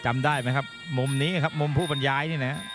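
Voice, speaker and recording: A man's voice: on the high side, steady tone, fast talker. A man giving Muay Thai television commentary, emphatically repeating points for viewers. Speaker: fight commentator. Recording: music behind the voice. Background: music.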